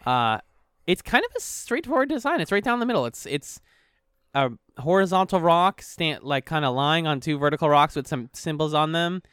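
A man's voice: on the high side, big pitch swings, moderate pace, fairly bright tone, smooth, dry recording, clean studio sound. A man co-hosting a casual podcast, joking and laughing as he reads entries aloud. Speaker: podcast co-host.

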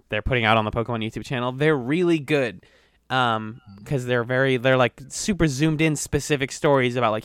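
A man's voice: mid-range voice, a bit bright, smooth, dry recording, clean studio sound. A man co-hosting a podcast in casual chat, playful and full of fillers. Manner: chatty, playful, trails off with fillers. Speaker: podcast co-host.

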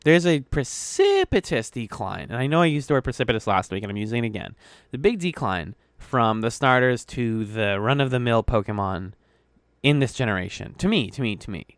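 A man's voice: medium pitch, very animated, a little fast, no echo, clean studio sound. A man co-hosting a podcast in casual chat, playful and full of fillers. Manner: chatty, playful, trails off with fillers. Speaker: podcast co-host.

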